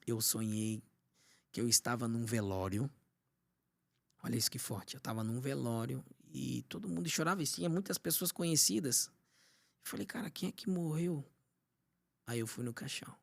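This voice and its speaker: A man from Brazil, a pastor and podcast guest, telling an emotional personal testimony and often dropping to a hushed voice. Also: medium pitch, moderate pace, gravelly. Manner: storytelling, often drops to a hushed voice.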